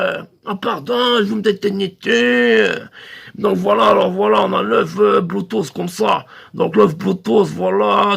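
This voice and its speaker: Gravelly high-voiced man doing crude sales patter. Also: a bit bright. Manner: rambling, crude salesman patter full of hesitations. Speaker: sex-shop phone receptionist character. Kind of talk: comic phone sketch monologue.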